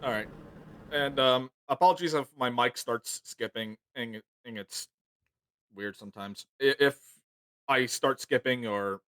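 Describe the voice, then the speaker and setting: A man on a casual voice call who asks pointed questions in a halting way, often restarting and getting louder as he presses. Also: mid-range voice.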